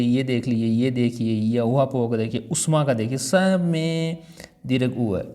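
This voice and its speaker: A man's voice: medium pitch, darkish tone. A man teaching Hindi spelling, patiently repeating words and pointing out errors to viewers. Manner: clears throat now and then. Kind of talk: spelling lesson explaining on-screen words.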